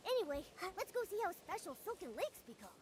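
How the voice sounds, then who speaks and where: A high, bossy cat sidekick. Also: female voice, very animated, quick pace, slight background noise. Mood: nagging. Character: small fussy talking cat companion.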